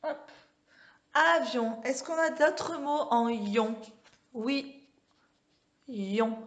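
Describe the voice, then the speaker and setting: A woman leads a reading lesson for small children, sounding out words with careful, stretched pronunciation. Her voice sits a little high and she speaks unhurriedly, pausing often to ask whether the children follow. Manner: checks in with frequent questions to children. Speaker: primary school teacher. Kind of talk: home-schooling reading lesson. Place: classroom with a board.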